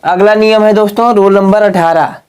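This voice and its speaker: A man teaching English reading rules in a lesson video. He asks his students rhetorical questions and spells words out slowly, letter by letter. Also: high voice, fairly even intonation, a little mellow, clear, resonant tone. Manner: keeps asking the class rhetorical questions.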